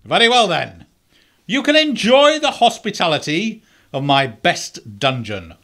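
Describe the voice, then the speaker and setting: An amateur actor playing a pompous, menacing sheriff in a theatrical radio play. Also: male voice, high-pitched, big pitch swings, a little slow, fairly bright tone, exaggerated voice. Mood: menacing, gloating. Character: pompous menacing villain, the male Sheriff of Nottingham.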